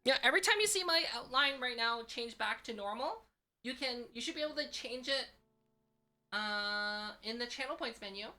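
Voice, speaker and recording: A woman's voice: a little high, animated, moderate pace, pushed and bright, faint music behind. A woman chatting casually as a virtual streamer on a live stream, with a cute, bubbly anime-streamer delivery. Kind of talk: casual livestream chat.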